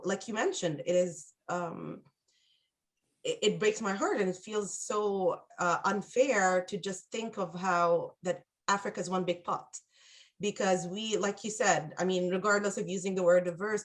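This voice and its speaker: A middle-aged woman from Egypt, answering interview questions in a thoughtful, hesitant way, with many fillers and restarts. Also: on the low side. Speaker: guest. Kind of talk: conversational interview.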